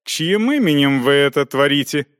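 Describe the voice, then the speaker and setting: A man's voice: on the high side, animated, fairly bright tone, no echo, clean studio sound, pitched above the performer's own voice. A man reading an audiobook, voicing a grey-bearded older council head who speaks coldly and grudgingly. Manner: cold, grudging, deliberate.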